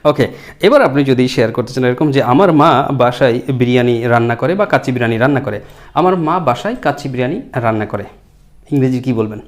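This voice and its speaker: A male English teacher giving an online lesson, addressing the viewers directly and stretching out the model sentences slowly. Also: medium pitch. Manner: slow, drawn-out model sentences.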